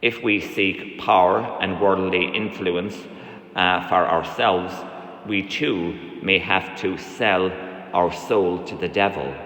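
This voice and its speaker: A man, a priest giving a measured sermon with occasional hesitations in a large church. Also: deep voice, fairly even intonation, a bit bright. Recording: echoey church from a distance.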